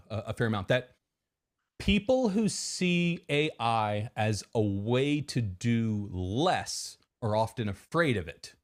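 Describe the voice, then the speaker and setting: A man in his forties speaks as a podcast guest, his pitch moving in a lively, animated way. He talks casually, often restarting phrases and repeating words as he works out his answers. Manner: many repeated words and restarts, quotes hype voices mockingly. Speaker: podcast guest, technology executive.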